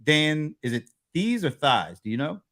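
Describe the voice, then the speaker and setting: A man's voice: on the high side, big pitch swings, unhurried, a bit bright. A man co-hosting a casual business show, joking and walking through earnings numbers with asides. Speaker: co-host.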